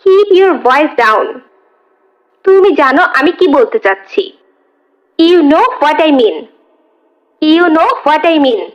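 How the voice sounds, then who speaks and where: A woman teaching English, reading a phrase quickly and then repeating it slowly twice in a drill. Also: high voice, lo-fi sound. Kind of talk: slow phrase-by-phrase language drill.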